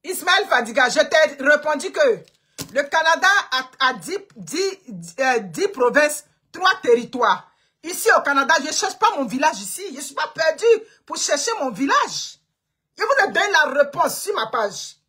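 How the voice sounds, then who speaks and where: An online commentator from Côte d'Ivoire, recording at home in Canada, delivers an emphatic, repetitive political monologue. Her high, bright voice has a forceful tone as she lectures her audience and hammers her points home.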